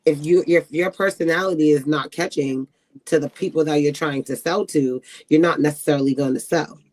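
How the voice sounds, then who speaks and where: A man hosting a podcast, talking in a relaxed, casual way. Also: fairly high pitch, a little fast. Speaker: podcast host.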